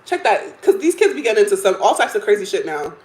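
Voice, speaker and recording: A woman's voice: medium pitch, very animated, fast talker, a little mellow. Thirties woman host, opinionated and chatty, laughing often, roomy echo on the recording. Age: 30s. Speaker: livestream host. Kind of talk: casual chat reacting to stories and chat comments.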